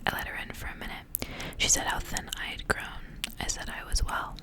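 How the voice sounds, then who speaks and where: Entirely unvoiced and breathy, a woman's hushed whisper carries a story. The delivery is gentle and intimate, ASMR-like, with the measured phrasing of someone reading from a book.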